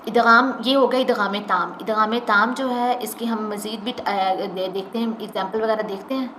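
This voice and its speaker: A woman teaching a Quran recitation lesson, explaining the rules and slowly modelling the recited words again and again. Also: medium pitch, fairly even intonation, pushed and bright. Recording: echoey room with faint noise.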